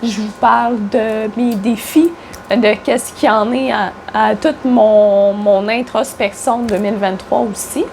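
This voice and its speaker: She's a spiritual coach vlogging in a Quebec French accent, casual and chatty, slightly congested from a cold, her speech full of hesitations, fillers and restarts. The voice is on the high side, steady and unhurried, with vocal fry, a darkish tone and slight background noise.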